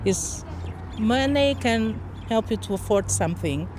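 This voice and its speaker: A woman from Portugal in her fifties talks outdoors in a city street interview, and Portuguese is her first language. She speaks in a thoughtful, halting way and pauses to search for words. Clear traffic noise runs behind her. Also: on the high side, expressive. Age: 50s.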